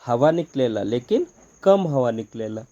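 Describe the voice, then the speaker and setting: A man's voice: mid-range voice, expressive, unhurried, warm tone, muffled recording. A man with a Nagpuri accent teaching an exam-prep grammar lesson, explaining step by step and asking and answering his own questions.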